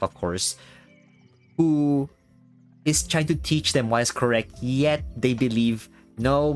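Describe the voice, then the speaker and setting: Male talk-stream host, conversational, stop-start phrasing with repeated words, backed by music. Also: medium pitch. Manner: halting, repeats words while thinking. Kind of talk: casual chat. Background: background music.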